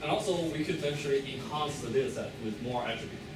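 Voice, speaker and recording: A man giving an academic thesis defense presentation in a hesitant, hedging, halting way, with many filled pauses. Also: medium pitch. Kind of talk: academic presentation, loosely scripted. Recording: echoey room, distant mic, clear background noise.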